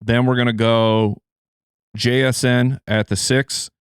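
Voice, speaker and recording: A man's voice: medium pitch, level tone, takes it slowly, clean tone, no echo, studio quality. A man, a fantasy football analyst, chatting casually in an interview with loose, restart-heavy phrasing.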